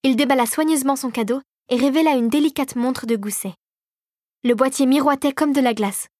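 Calm woman narrating a storybook. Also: high-pitched, a little fast, no room sound, clean studio sound. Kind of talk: audiobook narration.

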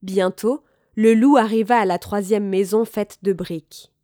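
A woman reading a children's fairy tale aloud in a calm, clear, measured way. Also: mid-range voice, no room sound, clean studio sound. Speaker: storyteller.

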